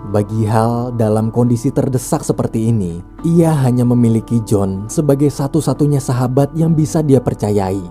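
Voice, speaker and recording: A man's voice: medium pitch, normal speed, dark tone. A man reading a scripted film recap as a narrator, in a storytelling style with casual asides. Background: background music.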